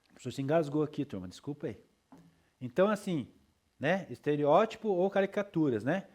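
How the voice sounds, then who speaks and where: A man's voice: a little high, animated, a little fast, darkish tone. A male teacher lecturing his class in a loose, chatty way, with frequent tag questions and checks for understanding.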